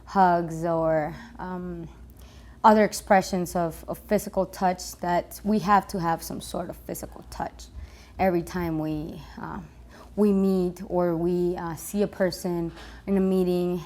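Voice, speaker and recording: A young woman, an international student, speaking in an interview with hesitant pauses and restarts. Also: on the low side, fairly even intonation, darkish tone. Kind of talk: interview testimony.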